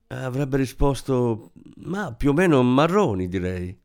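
A man narrating a novel aloud in an expressive storytelling manner. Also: mid-range voice. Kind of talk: scripted audiobook narration.

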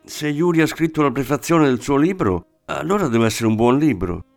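A man voicing a young woman, a warm and earnest exile, pleading gently, over faint music. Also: mid-range voice, expressive, normal speed, gravelly, no echo, voice pushed up. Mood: reproachful.

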